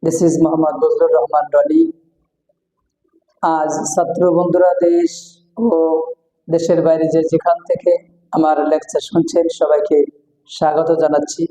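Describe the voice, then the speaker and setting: A Bangladeshi man teaches English letters, slowly repeating each sound as a drill. His voice is dark and mellow, and it rings out in a roomy hall with a long reverb. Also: fairly high pitch, steady tone. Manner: slow, repeats words several times for drill. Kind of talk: lecture on pronunciation.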